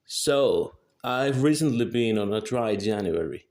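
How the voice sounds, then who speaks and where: This Finnish video creator in his early twenties reads a scripted monologue carefully, fixing small slips along the way, with Finnish as his first language and a Finnish accent. His voice is medium-pitched and darkish, with lively intonation and a slightly slow pace.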